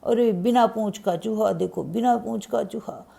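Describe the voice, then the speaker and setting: Jeering schoolboys from a children's storybook chant their teasing in a sing-song way, as a woman voices them. The voice is mellow and slightly gravelly. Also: mid-range voice, moderate pace. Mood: taunting. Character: jeering group of schoolboys, mocking.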